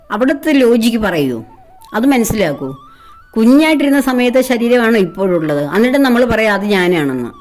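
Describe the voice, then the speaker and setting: A spiritual speaker gives a devotional talk in a medium-pitched, darkish voice. She asks rhetorical questions, sounding earnest and persuasive.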